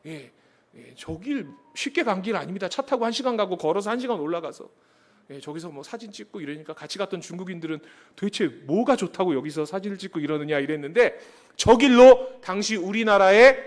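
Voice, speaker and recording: High-voiced man preaching a lively sermon. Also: a little fast. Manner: lively, jokes with the congregation, asks questions. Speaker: missionary preacher. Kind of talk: sermon with storytelling.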